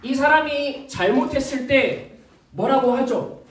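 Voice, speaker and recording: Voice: high-pitched, measured pace. Playful children's preacher in an echoey hall. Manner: playful, animated, acts out scenes. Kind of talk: children's sermon with questions to kids. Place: church, children's worship service. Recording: very echoey hall, distant mic.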